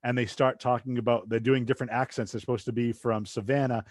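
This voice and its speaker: A podcast host from southeastern Massachusetts chats casually in an interview, his light local accent dropping R's when he talks fast. His mid-range voice is steady, quick and a little mellow, and he rambles loosely with plenty of asides. The studio sound is clean with no echo.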